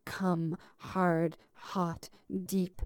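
A woman giving slow, soft, repetitive hypnotic narration close to the mic, counting steadily. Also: lowish voice, little pitch movement, clear, resonant tone, no room sound. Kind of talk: scripted erotic hypnosis narration.

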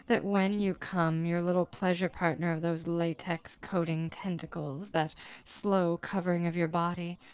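A woman hypnotist speaking in a slow, measured, hypnotic way through a scripted hypnosis recording. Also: lowish voice, darkish tone, smooth.

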